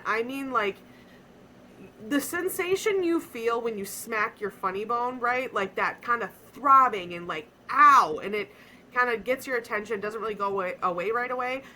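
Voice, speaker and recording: A young adult woman on a podcast, earnestly telling a personal story in a casual, animated way with frequent fillers. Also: a little high, slight background noise, poor audio. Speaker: podcast co-host.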